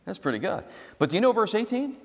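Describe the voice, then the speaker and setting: A man's voice: high-pitched, very animated, quick pace, vocal fry, big-room sound. A male pastor preaching a teaching sermon. He repeats key words and asks the congregation to answer him.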